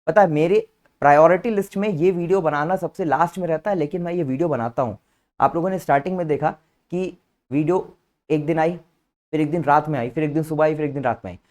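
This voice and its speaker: Here a man with a highish, darkish voice talks at a quick pace. As a teacher giving vocabulary lessons online, he spells words out letter by letter, patiently and warmly calling his students "beta."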